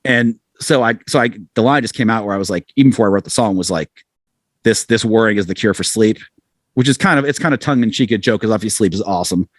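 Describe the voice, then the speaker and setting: A man's voice: fairly low pitch, fast talker, dry recording, clean studio sound. A middle-aged American man talking casually as a musician being interviewed, rambling along in a self-deprecating way. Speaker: musician guest, band frontman.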